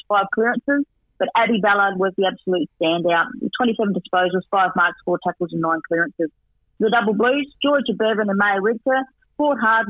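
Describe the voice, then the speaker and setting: Male guest analyst, talkative, stats-heavy, high voice down a phone line. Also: dry recording. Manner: chatty, rattles off stats with asides. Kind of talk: radio sports recap and tips by phone. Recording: tinny dry phone line.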